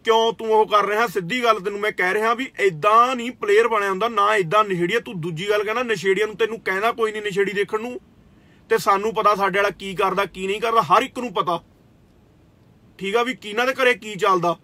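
A man's voice: sits high, steady tone, quick pace, bright, forceful tone, dry recording. A young man with an Indian Punjabi accent, a kabaddi player, scolding his critics in a confrontational rant that repeats "theek aa". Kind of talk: angry direct-to-camera rant.

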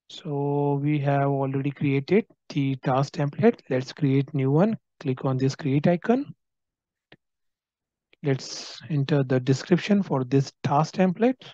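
A man teaches a software tutorial over a screen recording, moving at an unhurried pace with a mellow, fairly high voice. He explains each setting step by step and often tags his points with "right?". The sound is dry and a little dull, as from a basic computer mic. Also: no echo. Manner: explanatory, frequent tag "right?". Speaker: software trainer.

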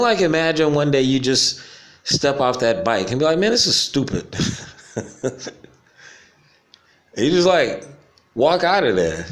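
A laid-back man thinking aloud to his viewers, his talk loose and full of slang. He drifts from point to point in a reflective, rambling monologue, breaking into easy chuckles now and then. His pitch sits in an ordinary middle range for a man. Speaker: vlogger. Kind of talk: casual stream-of-consciousness monologue. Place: home in the Caribbean.

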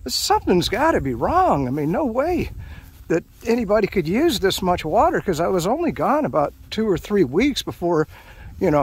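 Middle-aged man, rambling trail vlogger, slightly higher voice, walking outdoors with the camera. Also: husky. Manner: rambling, chatty, many fillers and restarts. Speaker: vlogger narrating a hike. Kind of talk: casual hiking commentary to camera. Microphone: handheld action camera, off-screen narrator.

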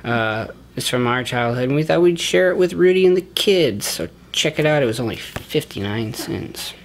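A man's voice: medium pitch, expressive, moderate pace, gravelly, slight background noise. A young man co-hosting a casual book haul vlog, recorded in a small echoey room. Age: young adult. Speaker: book haul vlogger, co-host. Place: small indoor room at home.

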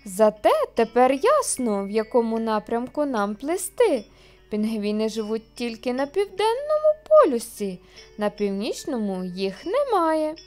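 A woman's voice: on the high side, huge pitch swings, unhurried, faint music behind. A woman voicing a clever, exasperated owl in a children's audio storybook, lecturing the others. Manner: lecturing, scolding.

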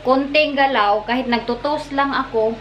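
A woman's voice: high voice, normal speed, a little hiss or hum. A woman, originally from the Philippines, chatting exasperated in a casual cooking vlog from her home kitchen. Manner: chatty, code-switching, exasperated. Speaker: mother and family vlogger. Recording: echoey kitchen.

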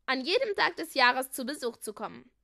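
A woman's voice: sits high, sing-song, brisk, vocal fry, bright, forceful tone, heavily acted. A shy young prince in a fairy tale, earnest and a little bashful as he proclaims his decisions, voiced by a woman. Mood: proclaiming.

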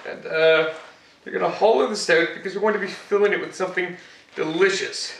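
A man's voice: sits high, fairly even intonation, brisk, fairly bright tone. A young man playing Batman as a boastful cooking show host, rambling with fillers in a home kitchen, picked up by a far camera. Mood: cocky. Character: Batman, grown male hero, cocky and boastful. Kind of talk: comic cooking demonstration. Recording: echoey kitchen, mic far off.

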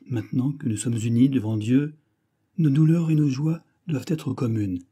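A man voicing a tender young noblewoman bride, pleading earnestly with her husband in a husky voice. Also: medium pitch, moderate pace, mellow, voice pushed up, lightly acted.

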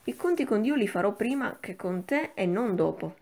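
A haughty old marchioness, as a woman reads her in an audiobook, sleepy-sounding and placid yet unbending. Her voice sits mid-range with a gravelly, creaky edge, and she lays down the law without raising her voice. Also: medium pitch, animated, moderate pace, a little mellow, close to an everyday voice. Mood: cold, placid. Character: imperious old marchioness grandmother, cold and unshakable.

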